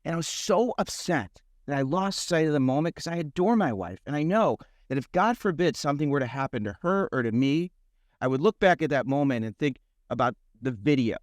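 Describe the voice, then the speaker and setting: A middle-aged man hosting a podcast, telling a personal story in a rambling, animated way with many restarts. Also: a little high, a little fast, no room sound, clean studio sound. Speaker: podcast host. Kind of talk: casual conversation.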